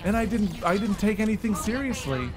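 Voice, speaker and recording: A man's voice: high voice, expressive, brisk, a crowd in the background. A man in his thirties delivering a casual, weary and earnest back-in-my-day rant, repeating himself for emphasis. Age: 30s. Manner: emphatic repetition for stress.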